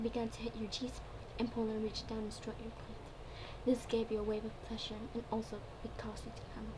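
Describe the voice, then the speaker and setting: A woman giving an amateur dramatic reading of a story, now and then stumbling over her words and repeating phrases. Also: a little high. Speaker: fan fiction reader. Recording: clearly noisy home recording.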